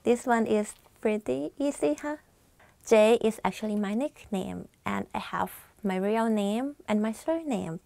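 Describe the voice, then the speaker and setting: A woman's voice: mid-range voice, expressive, normal speed, creaky, dark tone, no echo. A woman in her twenties with a Thai accent, hosting a scripted language lesson on a lapel mic, chatty with friendly asides. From Thailand. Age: 20s. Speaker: language teacher host. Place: small studio, plain backdrop.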